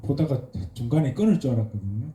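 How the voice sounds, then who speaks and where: Soft-spoken man talking in an echoey hall. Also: medium pitch, big pitch swings. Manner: thoughtful, halting, many fillers and restarts. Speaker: guest writer. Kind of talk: post-screening talk. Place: event hall.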